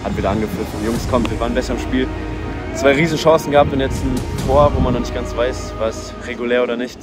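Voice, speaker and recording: A man giving informal, partisan pitchside match updates in short clipped phrases, recorded outdoors at a football ground. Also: fast, loud music behind the voice. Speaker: vlogger commentating on a youth football match.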